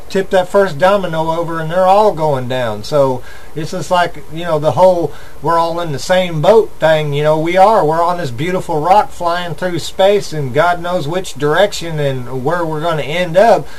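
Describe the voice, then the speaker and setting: A man's voice: a little high, moderate pace, a little hiss or hum, rough recording. An older man with an Appalachian hillbilly accent, hosting a casual internet radio chat in a folksy, earnest, rambling way.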